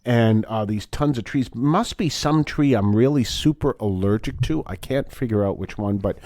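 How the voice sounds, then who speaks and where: A man's voice: medium pitch, normal speed, dry recording, clean studio sound. Wheezy man hosting a faith talk show. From Massachusetts, United States. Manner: rambling, animated storytelling with acted-out quotes. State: wheezing from allergies. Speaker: religious talk show host. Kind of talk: casual, conversational faith talk.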